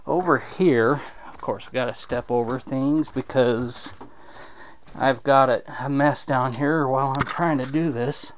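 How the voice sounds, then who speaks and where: Filming a home repair walkthrough in a damp basement on a handheld camera, a man with a mid-range voice rambles and drawls casually, full of fillers. The camera audio is dull and lo-fi, with slight background noise.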